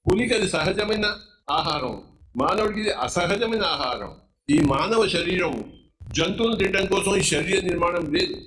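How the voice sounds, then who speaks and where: A man's voice: high voice, fairly bright tone, a little hiss or hum. A man preaching a sermon to a large gathering as a spiritual teacher, blunt and emphatic, repeating his points and asking rhetorical questions. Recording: echoey, roomy sound.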